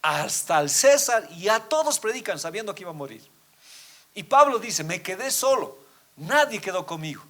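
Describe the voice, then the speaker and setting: A man delivers a sermon to his church, calling them brothers and firing rhetorical questions. His fairly high voice ranges widely, rising to loud emphatic peaks before sinking to quiet, low endings. Scripture passages come slower and deliberate. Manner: addresses listeners as brothers, asks rhetorical questions; reads scripture aloud, often slowing down. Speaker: pastor.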